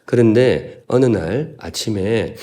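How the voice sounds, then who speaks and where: A man's voice: on the low side, expressive, slow, warm tone. A male pastor from Gyeongsan, South Korea, preaching a sermon in a folksy, humorous way and asking the congregation questions. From Gyeongsan, North Gyeongsang, South Korea.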